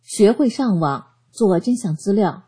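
A woman giving a scripted narration of a first-person testimony, reading in an earnest, steady way. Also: mid-range voice, unhurried, breathy edge.

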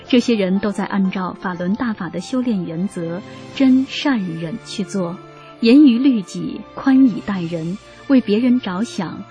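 A woman radio host reading a first-person story aloud in an earnest, even scripted narration. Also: medium pitch.

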